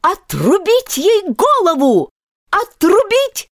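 A woman voicing a furious queen who shrieks her orders in a shrill voice, reading a storybook. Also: wildly swooping pitch, moderate pace, no room sound, clean studio sound. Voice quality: shrill, shouting.

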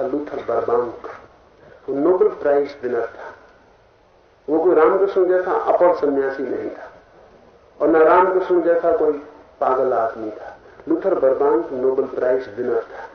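A man giving a spiritual discourse in an impassioned way, swinging from hushed to loud for emphasis. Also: fairly high pitch, measured pace. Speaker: spiritual teacher. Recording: old lo-fi tape with heavy echo, narrow tinny band, faint hiss.

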